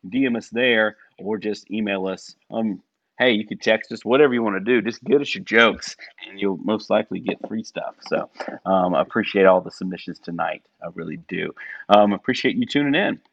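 A man's voice: lowish voice, fairly quick, creaky, fairly bright tone, lo-fi sound. Folksy Southern man hosting a podcast. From South Carolina. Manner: folksy, rambling, laughs at own jokes. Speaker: podcast host.

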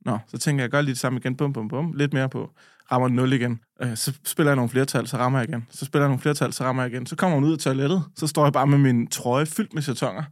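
A man co-hosting a podcast, telling stories in a casual, animated way with swearing and laughter. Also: mid-range voice, dry recording, clean studio sound. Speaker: podcast co-host. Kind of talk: casual storytelling chat.

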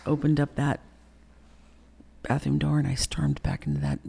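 A middle-aged woman as an interview guest, telling a personal story candidly and emotionally, swearing and acting out heated quotes with sudden loud bursts. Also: sits low, sing-song, normal speed, vocal fry, husky.

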